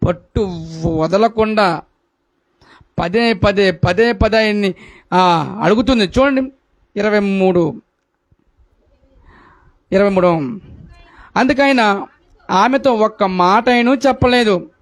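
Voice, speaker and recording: A man with a high voice preaches a sermon at a prayer meeting. He keeps repeating his points and turns to the congregation with rhetorical questions. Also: slow, pauses often.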